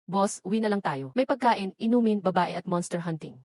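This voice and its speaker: Woman, dubbed drama lines, voices every role alike, mid pitch, dry close sound. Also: fairly quick, a little mellow, no echo. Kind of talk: dubbed short drama dialogue.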